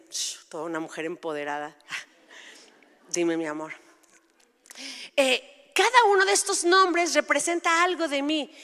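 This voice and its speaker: Woman, forties, high voice, animated preacher with playful asides, long hall reverb. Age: 40s. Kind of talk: sermon.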